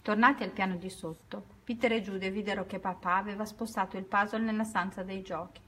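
A woman reading a children's story aloud at an unhurried pace, now and then correcting herself. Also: mid-range voice, steady tone, fairly bright tone, breathy edge.

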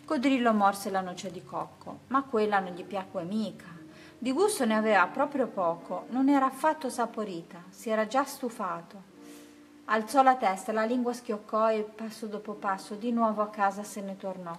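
A woman reads a children's picture book aloud at a mid pitch, gentle and rhythmic, leaning into its rhymes. Soft music runs faintly underneath. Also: normal speed. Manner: gentle, rhythmic, rhyming delivery. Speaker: storyteller.

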